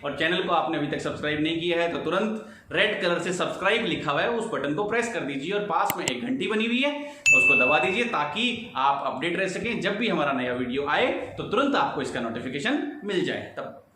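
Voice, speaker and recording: A man's voice: fairly high pitch, lively intonation, a little fast, sharp tone, slight background noise. A man teaching a spelling lesson, spelling words letter by letter and checking that students follow. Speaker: English teacher. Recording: echoey room from a distance.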